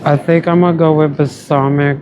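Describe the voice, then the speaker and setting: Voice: mid-range voice, fairly even intonation, fairly quick, crowd noise, poor audio. A vlogger with an American country accent, chatting casually to viewers while shopping in a store and calling them y'all. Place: store, indoors.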